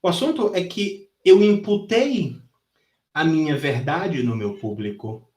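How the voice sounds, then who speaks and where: A man's voice: fairly high pitch, lively intonation, unhurried, darkish tone, reverberant. A man giving an intense, emphatic live-stream lesson, swearing freely as a former gym trainer turned sales mentor. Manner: intense and emphatic, swears freely, acts out his own past coaching. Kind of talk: live-streamed teaching talk. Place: home during a live stream.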